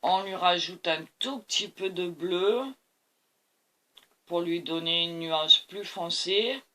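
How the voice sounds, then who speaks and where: Woman, painting tutorial host, slow unhurried talk, bright tone, tired, enthusiastic. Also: lowish voice. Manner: enthusiastic, keeps praising the colors. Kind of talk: art demonstration talk to camera.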